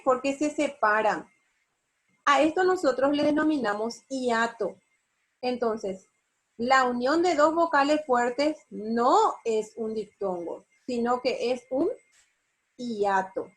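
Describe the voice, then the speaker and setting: A woman's voice: high-pitched, animated. A woman teacher with a Paraguayan Spanish accent, giving an online spelling lesson and explaining step by step with frequent check questions. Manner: slow, explanatory, asks rhetorical check questions. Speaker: university teacher.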